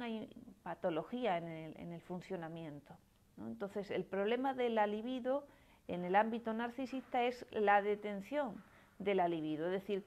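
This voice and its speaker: On a live stream, a psychoanalyst in her forties from Málaga, Spain, explains ideas and reads out viewers' comments to answer them. Her mid-range, slightly mellow voice carries an explanatory tone, and she often tags phrases with a questioning "¿no?".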